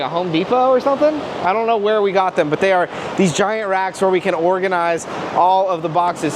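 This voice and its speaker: Casting: male tour host, slightly high voice, chatty and slangy, casual walkthrough vlog, clear rumble of warehouse noise behind him. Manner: chatty, informal slangy talk. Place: large open warehouse with big fans. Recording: noisy warehouse, rumbling fans and vehicles.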